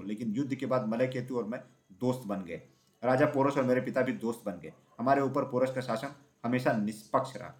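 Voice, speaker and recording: Man, storybook narrator, steady even reading, mid pitch.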